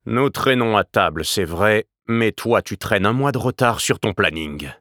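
A man's voice: fairly low pitch, expressive, measured pace, a bit bright, dry recording, clean studio sound. A male reader doing a curt, sarcastic father. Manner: curt, cutting delivery. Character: stern, sarcastic older father. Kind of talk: audiobook character voice.

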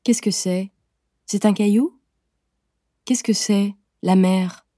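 A woman's voice: mid-range voice, steady tone, slow pace, dark tone, no room sound, clean studio sound, close to an everyday voice. A woman reading aloud voices an innocent, endlessly curious teenage boy who keeps asking naive questions. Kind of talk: audiobook reading.

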